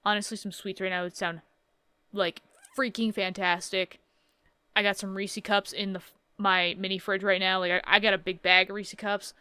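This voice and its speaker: A woman's voice: medium pitch, level tone, normal speed, pushed and bright, clean tone, no echo. A woman in her thirties casually reading game text aloud and adding wry, joking asides in a playthrough. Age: 30s. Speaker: let's play host.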